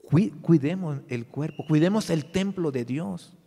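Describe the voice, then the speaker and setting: Pastor, high voice, preaching with punch, hall reverb. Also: male voice, lively intonation, unhurried, vocal fry, dark tone. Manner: preaching with rising emphasis and mock voices. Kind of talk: sermon.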